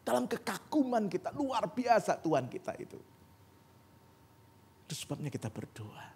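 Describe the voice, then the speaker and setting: Husky-voiced man preaching a sermon. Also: high-pitched, sing-song, moderate pace, darkish tone. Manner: conversational preaching, rising to emphatic peaks. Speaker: pastor. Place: church sanctuary.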